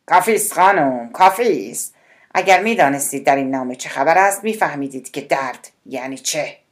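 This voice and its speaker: A woman's voice: low-pitched, natural voice. Woman playing a furious male director-general. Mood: angry, commanding. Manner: tense, commanding, turns to shouting. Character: agitated middle-aged male director-general.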